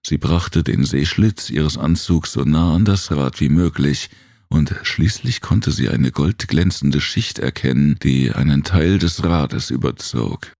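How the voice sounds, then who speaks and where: Male audiobook narrator, extremely deep, dry close sound. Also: creaky, a little mellow, dry recording. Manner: measured storytelling.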